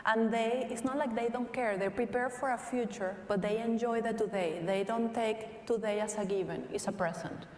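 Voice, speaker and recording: A woman's voice: fairly high pitch, moderate pace, few pauses, distant mic. Earnest Venezuelan woman in an echoey hall. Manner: earnest, thoughtful, with many restarts. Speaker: interviewee, company tech leader. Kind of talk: onstage conversation. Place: large hall at a live event.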